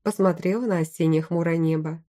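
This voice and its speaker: Mellow woman reading a fantasy audiobook. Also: lowish voice, steady tone, brisk. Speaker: audiobook narrator. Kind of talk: first-person fantasy audiobook narration.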